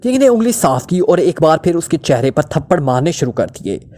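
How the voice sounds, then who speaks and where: A man narrating a crime thriller story with a steady, dramatic reading. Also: on the high side, a little fast.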